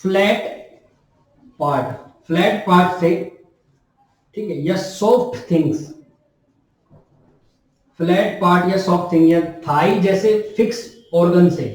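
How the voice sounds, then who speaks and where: High-voiced male teacher in an echoey room. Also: slow pace, long pauses, darkish tone. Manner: repeats key terms and asks the class questions. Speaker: nursing teacher. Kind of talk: classroom lecture. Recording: very echoey room, mic far off.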